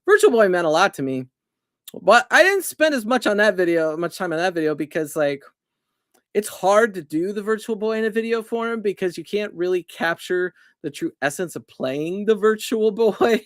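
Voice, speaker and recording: A man's voice: high voice, lively intonation, normal speed, a bit bright, dry recording, clean studio sound. A middle-aged man hosting a casual game chat stream, rambling and correcting himself with frequent chuckles.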